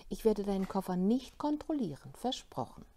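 A woman reading as a gently firm mother. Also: mid-range voice, sing-song, moderate pace. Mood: reassuring. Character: patient, caring mother soothing her son.

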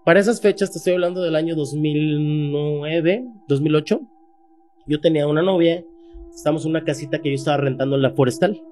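A man's voice: fairly high pitch, fairly even intonation, a little fast, a little mellow. A man in his thirties with a Mexican Spanish accent, telling a frightening personal story in casual, slangy speech and raising his voice when quoting people. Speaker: guest telling a paranormal story.

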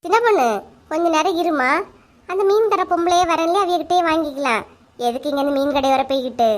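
A woman voicing a quick-tempered, blunt village woman with a Kanyakumari Tamil accent, who scolds and snaps in a cartoon comedy. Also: sits high, lightly acted. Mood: snappish. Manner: scolding, snappish. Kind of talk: animated comedy dialogue.

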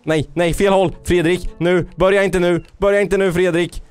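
A man narrating his own gameplay in a fairly high voice, excitable and loud with his character, cheering it on and scolding it by turns. English phrases slip in between his sentences. Faint game music plays behind him. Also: clear, resonant tone. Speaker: gaming YouTuber. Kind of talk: let's-play commentary.

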